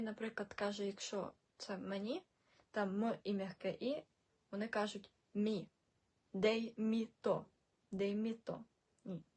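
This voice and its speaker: A woman with a slightly high, husky voice walks through a language lesson in a casual video. She explains patiently, repeats each example word and keeps checking in with the listener. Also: darkish tone. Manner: explains patiently, repeats words, asks "так?" often. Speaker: Czech language teacher.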